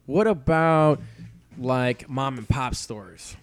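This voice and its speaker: A man's voice: mid-range voice, slow pace, smooth. A man co-hosting a casual chat, jokey and profane, quizzing the others with questions. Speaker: podcast co-host.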